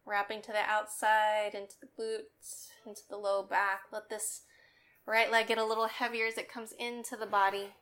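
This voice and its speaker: A woman leading a guided yoga class as the instructor, cueing in a calm, meditative, unhurried manner. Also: medium pitch.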